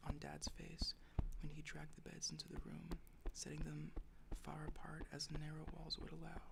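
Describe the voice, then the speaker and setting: A man's voice: on the high side, monotone, moderate pace, gravelly. A man reading a book aloud in an unvoiced ASMR whisper, carefully, with finger tapping and clicks. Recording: noisy, loud hiss and clicks.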